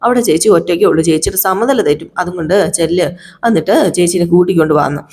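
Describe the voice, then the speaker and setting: A woman's voice: lowish voice, fast talker, creaky, darkish tone, slightly rough. A woman voicing a bitter young man in a TV serial retelling who accuses his brother-in-law.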